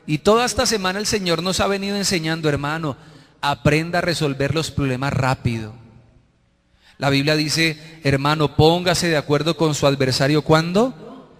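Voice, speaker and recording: A Colombian man preaching as pastor, animated, quizzing the congregation to finish his sentences and acting out people in mocking voices. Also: a little high, big-room sound. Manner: acts out worshippers and quarrelling couples in mocking voices. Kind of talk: sermon.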